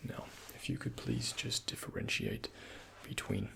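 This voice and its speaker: A male ASMR performer takes on the role of a doctor, speaking close to the mic in a breathy, frequently near-whispered voice. He addresses the listener as a patient with calm, polite, unhurried instructions, and there's a little hiss or hum in the recording.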